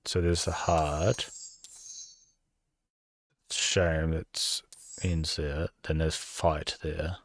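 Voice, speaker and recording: Slow, deep-voiced man streaming a game. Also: little pitch movement, no room sound. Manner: low-key, talks to his dog between lines. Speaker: streamer playing a story game. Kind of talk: casual gameplay commentary. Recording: game music playing behind. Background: game music.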